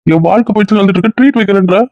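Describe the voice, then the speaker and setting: A man's voice: mid-range voice, steady tone, no echo, natural voice. A young man acting as a jilted, heartbroken man who complains bitterly about losing his future. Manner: gravelly, rushed, self-pitying complaints. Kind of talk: web series drama acting. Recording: dull, muffled dry audio.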